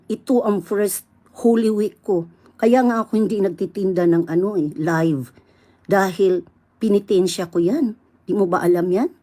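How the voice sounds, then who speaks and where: Isang babaeng Bisaya na may punto ng Visayas, malakas at galit na nagra-rant sa livestream habang nagbebenta online, halo-halong Ingles ang salita. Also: female voice, mid-range voice. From Visayas, Philippines. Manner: loud indignant ranting, mixing English in.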